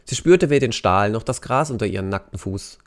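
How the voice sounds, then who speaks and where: A man reading a novel excerpt aloud in an intense, expressive storytelling manner. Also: fairly low pitch, fairly quick. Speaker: narrator. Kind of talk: dramatic audiobook reading.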